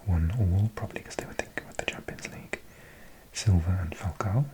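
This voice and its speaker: In a low-sitting whisper, a Welsh man in his forties from Wales plays ASMR host, slowly reading out results with chatty asides. There is noise in the background.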